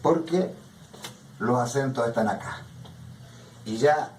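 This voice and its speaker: A man's voice: medium pitch, takes it slowly, darkish tone, slight background noise. A man teaching a poetry workshop in a classroom, explaining patiently and often checking that students follow. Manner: patient, keeps checking understanding with "¿ya?". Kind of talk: classroom lecture. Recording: echoey room from a distant mic.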